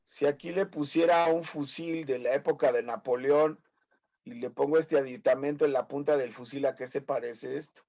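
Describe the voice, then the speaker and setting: In his fifties and with a Mexican Spanish accent, this man teaches an online medical class where he teases, corrects and repeatedly quizzes his students. He speaks at normal speed in a steady, slightly mellow voice of medium pitch, recorded with lo-fi sound.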